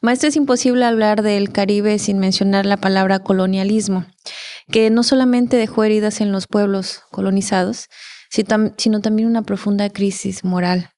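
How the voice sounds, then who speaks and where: A woman hosts a podcast interview, putting prepared questions in a mellow, relaxed voice. Her intonation is flat and even, at an average pitch for a woman. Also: normal speed.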